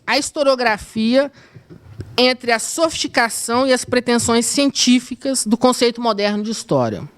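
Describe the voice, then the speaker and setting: A woman with a Brazilian Portuguese accent presenting an academic conference paper, reading in a measured way with hesitant asides. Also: a little high, clear, resonant tone. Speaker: university historian presenting a paper.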